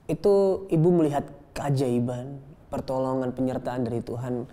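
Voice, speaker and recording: Very low, dark-voiced woman host. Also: moderate pace. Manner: attentive, short affirming replies. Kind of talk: interview.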